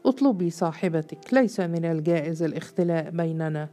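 A woman's voice: low-pitched, animated, fairly quick, mellow. Stern male judge, read by a woman. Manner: firm, commanding. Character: stern older male judge, firm and grave.

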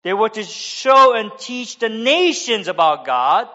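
American guy preaching, pretty high voice, kinda muffled dull recording. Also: very animated, measured pace, sharp tone. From United States. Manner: expository preaching, conversational asides. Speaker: pastor. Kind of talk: sermon.

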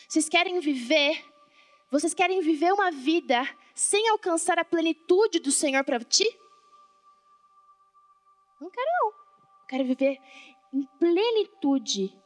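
A Brazilian woman preaching with fervent, colloquial energy, constantly questioning her congregation. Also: high voice. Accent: Brazilian Portuguese. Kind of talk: sermon. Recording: reverberant hall, faint background music. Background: faint music.

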